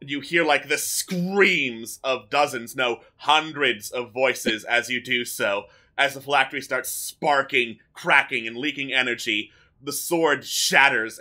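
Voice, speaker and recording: A man's voice: mid-range voice, sharp tone. A man acting as game master, improvising narration for a tabletop fantasy game.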